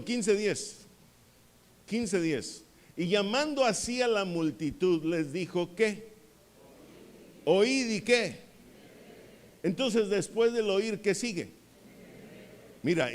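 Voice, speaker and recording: A man preaching a sermon to a church congregation, firing questions at them and stressing key words. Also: high-pitched. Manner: asks the congregation questions and waits for answers; emphatic, rises on key words. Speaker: pastor. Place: church hall.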